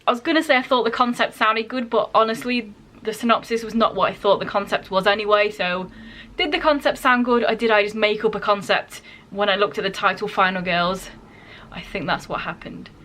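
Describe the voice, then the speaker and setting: With a mid-range, fairly bright voice and a fairly quick delivery, a woman hosts a book vlog, chatting casually and correcting herself amid frequent asides. Slight background noise can be heard.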